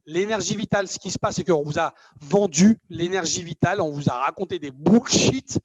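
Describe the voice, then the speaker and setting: A man's voice: high voice, brisk, husky, no room sound, rough recording. A man giving a live motivational talk to an audience, emphatic and repetitive, with many fillers. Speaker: motivational speaker.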